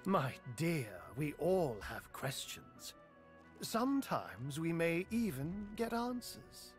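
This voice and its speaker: In a fantasy video game, a male actor voices an ancient, enigmatic wizard, speaking in a measured, theatrical, wryly weary manner. His voice is a little high and sing-song, with faint music in the background.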